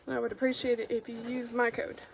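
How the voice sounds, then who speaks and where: A woman from Arkansas with a Southern accent hosts an unboxing video as a craft creator, chatting casually and a little hesitantly. Her voice is a little high, level in tone, and creaky, and she talks fast. A phone clamped overhead records her, giving a rough recording with slight background noise.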